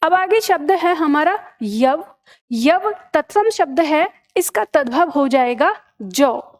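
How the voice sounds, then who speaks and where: A woman's voice: high-pitched, animated, takes it slowly. A woman teaching a Hindi grammar lesson for exam preparation, patiently explaining and repeating each word pair.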